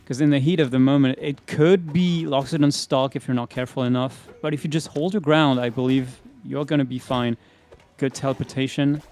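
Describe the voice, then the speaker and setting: A young man giving live commentary on a fighting game tournament, reacting quickly and laughing often. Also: medium pitch, steady tone, a little mellow. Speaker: esports commentator.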